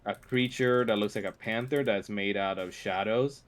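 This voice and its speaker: A man narrating a tabletop role-playing game as game master in an informal, halting way. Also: fairly low pitch.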